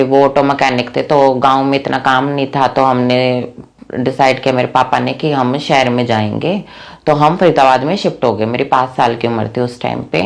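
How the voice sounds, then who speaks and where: Speaking to camera as an interviewee, a young woman from Rohtak in Haryana, India, recounts her life story plainly and earnestly, using lots of fillers. She has a very deep voice with vocal fry.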